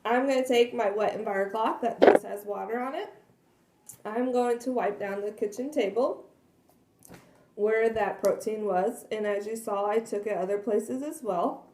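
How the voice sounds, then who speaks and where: This product demonstrator walks through cleaning at her home kitchen in an earnest, chatty manner full of fillers, speaking at a normal pace in a soft, mellow mid-range voice. She's losing her voice, so it's a bit hoarse, broken by coughs and throat clearing. The kitchen is echoey.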